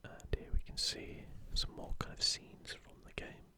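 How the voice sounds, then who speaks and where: This man takes his time, whispering in an unhurried, breathy and gentle way, and the sound comes across crisp and bright. He makes gaming ASMR videos, mixing casual whispered commentary with passages read aloud in a soft, unvoiced whisper.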